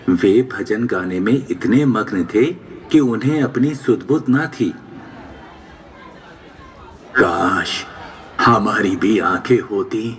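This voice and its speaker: A man playing a blind old father in a school skit, speaking slowly and wistfully. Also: fairly low pitch.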